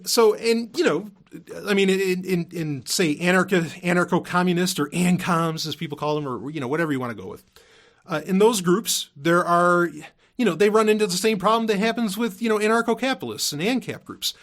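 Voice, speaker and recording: Rambling and emphatic, the host of a podcast delivers an unscripted, casual monologue in which he frequently repeats himself and casually curses. He has a high-pitched, fairly bright voice and speaks briskly.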